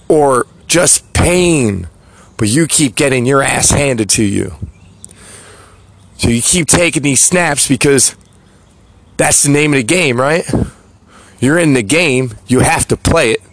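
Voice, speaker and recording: A man's voice: medium pitch, animated, takes it slowly, pauses often, a bit bright, no echo. A man hosting a podcast, delivering a reflective motivational monologue with frequent rhetorical asides. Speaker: podcast host.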